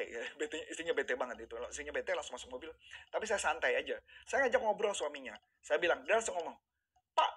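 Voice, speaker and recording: A man's voice: on the high side, a bit bright, breathy edge. A man coaching viewers on sales during a live stream, acting out his sales dialogue and asking for comments. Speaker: sales trainer.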